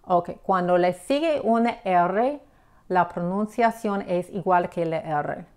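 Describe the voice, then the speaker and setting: Slow patient woman teaching pronunciation. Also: lowish voice, darkish tone, clear, resonant tone. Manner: patient, repeats examples, checks with "ok?". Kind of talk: slow explanatory lesson.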